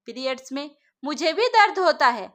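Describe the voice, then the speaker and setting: Lady reading as a young modern wife, firm and reasoning, very high bright voice. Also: very animated, moderate pace.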